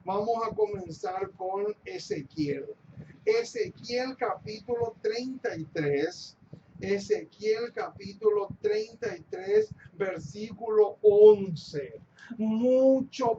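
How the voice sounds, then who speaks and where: A man preaching a sermon, stressing key phrases by repeating them and speaking warmly to his congregation as his beloved. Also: high voice, animated, takes it slowly, creaky. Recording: dull lo-fi recording with faint noise.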